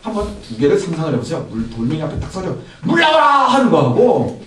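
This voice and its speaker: A man's voice: on the high side, big pitch swings, fast talker. A male pastor preaching a Sunday sermon who poses rhetorical questions and acts out quotes with a raised voice. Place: church sanctuary. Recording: echoey hall from far off, faint noise.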